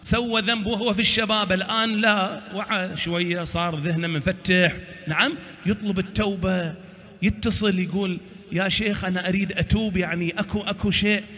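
A man's voice: high-pitched, steady tone, fairly quick, sharp tone, big-room sound. A man preaching a sermon, exhorting his listeners and answering his own rhetorical questions.

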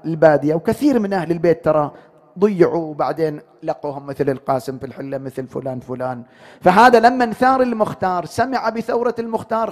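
A man's voice: on the high side, darkish tone. A man, a mourning-ritual preacher, telling a religious story in a grieving, emotional, half-chanted recitation. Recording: echoey room.

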